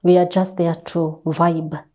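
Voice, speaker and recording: A Kenyan woman, a guest author in a conversational interview, speaks in a low-leaning, warm voice that is unhurried and moves little in pitch. Her storytelling is animated and emphatic, full of repeated phrases and rhetorical questions.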